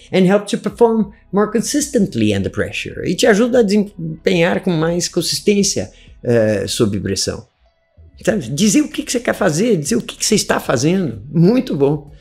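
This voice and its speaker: A chatty male teacher with a gravelly, somewhat high voice that swings up and down. He laughs a lot as he explains, and faint music plays behind him. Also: darkish tone. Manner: chatty, laughs often, mixes in English phrases. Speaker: English teacher. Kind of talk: casual online lesson.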